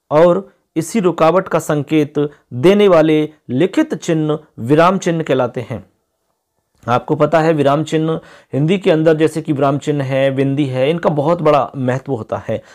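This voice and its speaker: Higher-voiced man teaching an exam lesson. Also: darkish tone. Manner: explanatory, often asks "ठीक है?".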